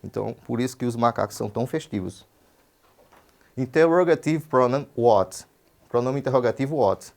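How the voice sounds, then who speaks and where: A Brazilian man teaches English in a broadcast lesson, explaining rapidly in Portuguese but saying the English examples slowly and deliberately. He checks understanding often with "certo?", in a medium-pitched, darkish voice with vocal fry.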